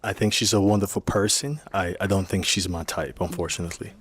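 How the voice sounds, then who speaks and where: A man, a dating show contestant speaking in a formal, measured, polite way. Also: low-pitched, fairly even intonation. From Liberia. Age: 30s. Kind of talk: casual chat.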